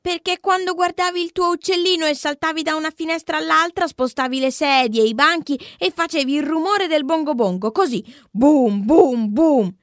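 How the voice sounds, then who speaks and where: A woman doing a lively pleading schoolboy. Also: high-pitched, fairly quick, few pauses, no echo, studio quality, voice pushed up. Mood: eager.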